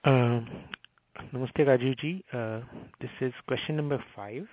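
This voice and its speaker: A man's voice: mid-range voice, a little slow. A man with a North Indian accent calling in with a question, polite and hesitant, slipping between English and Hindi. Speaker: caller. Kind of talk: casual question to an advisor. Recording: dull, dry phone call.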